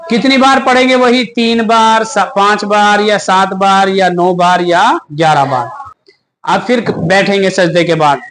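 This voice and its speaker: A man teaching the steps of prayer in a question-and-answer style. He recites verses slowly with pauses and asks questions that he answers himself. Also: high-pitched, a bit bright, slight background noise. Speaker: religious teacher. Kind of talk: step-by-step prayer lesson.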